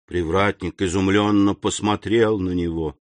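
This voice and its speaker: Slow, low-voiced male audiobook narrator. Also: no room sound. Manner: slow, even storytelling. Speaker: audiobook reader. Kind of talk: scripted narration.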